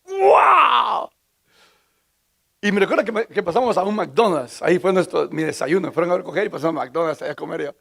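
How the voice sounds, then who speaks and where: A man's voice: on the high side, creaky. A man from Guatemala, preaching a sermon in a conversational way, asking the congregation questions and often repeating and restarting words. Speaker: pastor.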